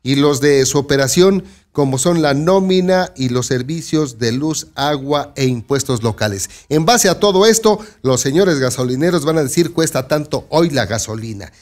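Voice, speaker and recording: A man's voice: on the high side, lively intonation, normal speed. A man hosting a local news commentary show, talking straight to his listeners and warning them to be careful. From Mexico. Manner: conversational, addresses listeners directly with warnings. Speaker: news host.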